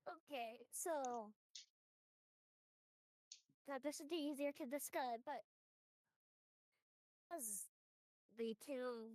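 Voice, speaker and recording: A man using a voice changer while slowly narrating his character's entrance in a tabletop game. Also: extremely high pitch, a little mellow, dry recording, pitched above the performer's own voice, full character voice, rough recording. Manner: slow, hesitant narration.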